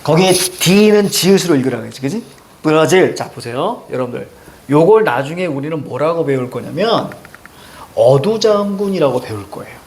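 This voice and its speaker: A man's voice: on the high side, lively intonation, normal speed, darkish tone, slight background noise. A man teaching a class, explaining a text step by step, asking students questions and drawing on the board as he goes. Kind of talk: classroom lecture.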